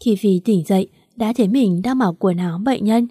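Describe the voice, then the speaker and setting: A woman narrating a romance story in a steady, even audiobook reading. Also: mid-range voice, moderate pace, slightly rough, no echo, clean studio sound.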